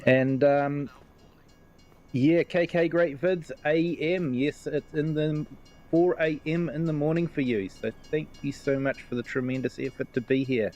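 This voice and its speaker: A man with a New Zealand accent streams a farming game, chatting casually and reading out viewer comments as live gameplay commentary. His voice is fairly high, steady and unhurried, with a darkish tone and cut-off highs.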